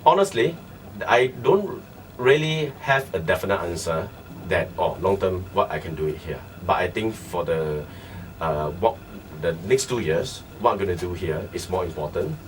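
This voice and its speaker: A man from Singapore who founded a training centre, speaking as a guest in a radio interview and getting animated as he acts out conversations. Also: low voice, moderate pace. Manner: animated, acts out dialogue in quotes. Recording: distant mic with faint background noise.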